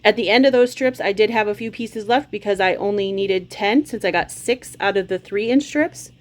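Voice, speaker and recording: Speaking at a moderate pace in a medium-pitched voice, a woman in her forties presents a relaxed sewing tutorial for her quilting channel from her home sewing room. She walks through every step in a friendly, talkative manner, though a slight cold brings the odd cough.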